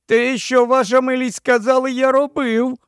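A man's voice: extremely high pitch, little pitch movement, normal speed, clear, resonant tone, dry recording, clean studio sound, voice pushed up. A man voicing a small, pitiful male gnome who whines and pleads, in an audiobook. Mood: pleading. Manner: whining, pleading.

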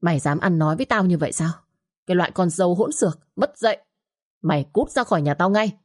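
A woman voicing a domineering older mother-in-law who scolds and hurls insults in quick bursts. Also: medium pitch, lively intonation, darkish tone, natural voice. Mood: furious.

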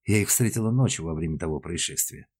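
An earnest young woman caught up in a train murder, put on by a male audiobook reader. She speaks eagerly, a little flustered, lifted above his husky, low natural voice. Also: animated, quick pace, darkish tone.

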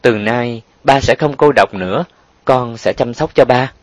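A man's voice: mid-range voice, measured pace, no room sound, natural voice. A man reading an audiobook and voicing an emotional young son, pleading and choked with feeling. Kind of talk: audiobook character voice.

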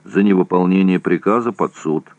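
A man voicing a calm, measured army major with a thick voice. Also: low voice, no room sound, muffled recording.

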